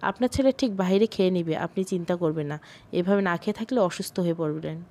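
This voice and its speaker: Calm, earnest young bride, read by a woman. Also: mid-range voice, fairly quick, close to an everyday voice. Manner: calm, quiet.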